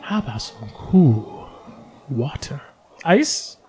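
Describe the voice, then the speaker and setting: A man's voice: mid-range voice, big pitch swings, slow, warm tone, a little hiss or hum. A man voicing a bubbly, chatty young female tavern server with a folksy way of talking. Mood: chirpy. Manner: folksy, chatty, says y'all.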